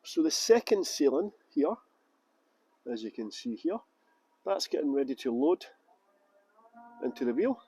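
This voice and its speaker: Outdoors by a canal boat lift, a man from Edinburgh, Scotland, guides tourists with playful, jokey commentary and mock pronunciations in a Scottish accent. His voice is fairly high, sing-song, dark and husky, at a measured pace with frequent pauses, on a low-quality recording.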